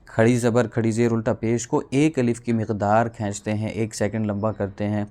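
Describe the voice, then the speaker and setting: A man teaching a Quran reading lesson, explaining rules quickly, then spelling out letters and drawing syllables out slowly. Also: fairly low pitch, little pitch movement, dark tone. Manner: fast explanations, then slow drawn-out syllables.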